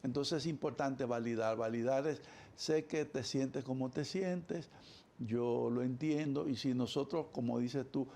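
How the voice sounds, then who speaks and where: Gravelly animated man. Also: medium pitch, unhurried. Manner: animated, acts out quoted voices. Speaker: psychologist guest. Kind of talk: conversational interview.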